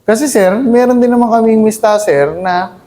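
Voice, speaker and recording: A man in his thirties, an army captain, earnestly recounting combat in a halting, deferential way, addressing his host as "sir" constantly. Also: sits high, mellow. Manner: deferential, says "sir" nearly every phrase; earnest, halting storytelling with many restarts. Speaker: army captain, interview guest. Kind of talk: conversational war recollection.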